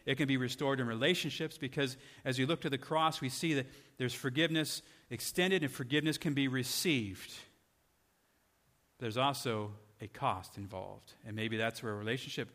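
A man's voice: mid-range voice, moderate pace, fairly bright tone. A man preaching a sermon in a conversational way, often asking his listeners rhetorical questions. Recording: long hall reverb.

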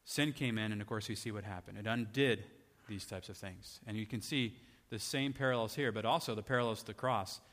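A man with a lowish, fairly bright voice preaches briskly, leaving few pauses. He keeps the sermon conversational and frequently asks listeners rhetorical questions, while long hall reverb fills the recording.

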